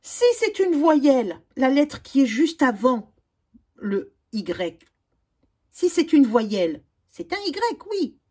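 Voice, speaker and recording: A woman, a teacher slowly going over spelling exercises and spelling out letters one by one. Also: high voice, very animated, darkish tone. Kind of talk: spelling lesson correction.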